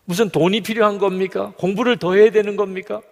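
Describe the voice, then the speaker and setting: A man's voice: high voice, fairly even intonation, quick pace, vocal fry, darkish tone, big-room sound. A male pastor preaching a sermon in a church, emphatic and full of rhetorical questions.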